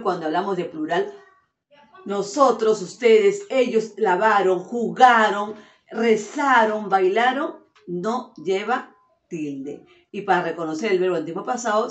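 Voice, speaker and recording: A woman primary teacher giving a virtual lesson to young children, fondly calling them her loves and drawing out each example sentence slowly. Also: medium pitch. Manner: affectionate, calls children "mis amores"; slow, drawn-out sentences for dictation. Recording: roomy, dull lo-fi sound.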